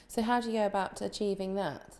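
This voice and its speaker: A woman's voice: medium pitch, steady tone, fairly quick, a little mellow. A woman interviewer asking brief, probing follow-up questions.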